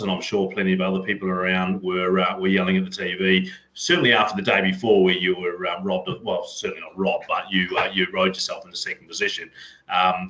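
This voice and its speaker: A man's voice: low-pitched, pushed and bright, low-quality recording. A man interviewing a cyclist, asking long rambling questions full of "you know" and "um". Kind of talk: casual interview.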